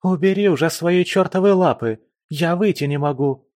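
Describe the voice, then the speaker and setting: A man voicing a furious, foul-mouthed young woman who is stuck and yelling in an audiobook. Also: on the high side, normal speed, voice pushed up, close to an everyday voice. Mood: outraged. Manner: swearing, yelling.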